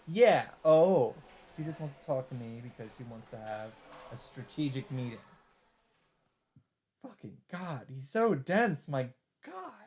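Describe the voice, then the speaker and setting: A middle-pitched man hosts a let's play of a visual novel, reading its narration aloud at an even, measured pace. Every so often he interrupts with blunt, swearing remarks, and a faint noise lies beneath his voice.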